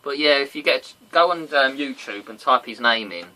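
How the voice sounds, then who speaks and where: A man's voice: medium pitch, lively intonation, normal speed, pushed and bright. A man hosting a casual wrestling review podcast, chatty and rambling, on a noisy home recording. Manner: chatty, rambling, breaks into silly sung impressions. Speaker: podcast host.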